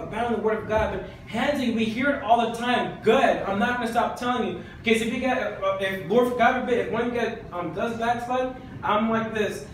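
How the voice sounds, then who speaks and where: A man's voice: high-pitched, a little hiss or hum. A man preaching a sermon, exhorting his listeners with insistent repetition. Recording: very echoey church hall from far off.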